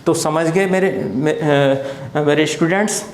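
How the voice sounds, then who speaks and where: A man explains a lesson at a board, his voice sitting a little high for a man and ringing in an echoey room. He poses a question to his students and answers it himself, then goes over the point again, slowly and patiently. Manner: asks rhetorical questions and answers them himself; repeats key points patiently. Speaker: teacher. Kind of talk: classroom lecture at a board.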